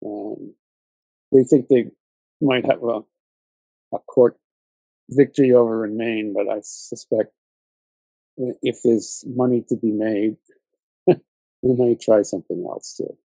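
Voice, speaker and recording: A man's voice: mid-range voice, steady tone, slow pace, gravelly, long pauses, mellow, husky, no echo, rough recording. A journalist guest in an interview, a man who talks hesitantly and restarts his sentences. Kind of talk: conversational interview.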